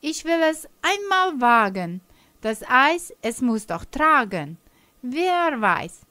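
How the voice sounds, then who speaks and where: A woman's voice: sing-song, slow pace, pushed and bright, dry recording, heavily acted. A woman voicing a little boy in a recited children's poem. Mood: daring. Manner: recited verse, high. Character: little boy, bold then panicked, in a poem.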